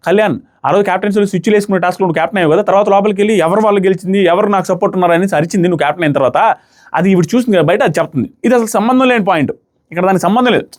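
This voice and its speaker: A young man's high voice comes out rapid-fire as he delivers opinionated commentary on a reality show, emphatic and argumentative, hammering the same points again and again.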